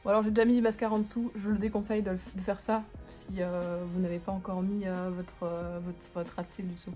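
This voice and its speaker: A woman talks through her makeup in a loose, rambling way, poking fun at herself and swearing casually. Her voice sits at an ordinary middle pitch for a woman. Faint music plays softly behind her at home. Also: level tone, fast. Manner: chatty, rambling, self-mocking, casual swearing. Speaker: beauty vlogger. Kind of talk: casual makeup tutorial chat. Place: living room at home, on a couch.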